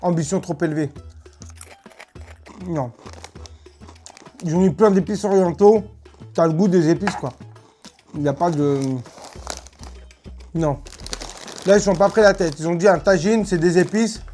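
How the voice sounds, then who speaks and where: Low-pitched chatty woman, music behind. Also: unhurried, long pauses, mellow. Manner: chatty, colloquial, emphatic. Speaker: host of food tasting video. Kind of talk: casual tasting commentary.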